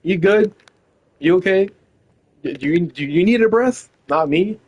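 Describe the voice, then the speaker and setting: A young man talks on a live stream, arguing with an AI and swearing in disbelief. His voice is a bit husky and sits on the higher side, swinging widely in pitch as he pushes back. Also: lively intonation, measured pace, lo-fi sound. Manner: argumentative, swearing, incredulous. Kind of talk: casual live-stream talk.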